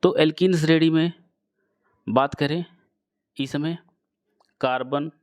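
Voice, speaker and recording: A man teaching a chemistry lesson to students, explaining slowly and repeating key phrases as he addresses the class directly. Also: fairly high pitch, steady tone, clean tone, no room sound, studio quality. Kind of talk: classroom lecture.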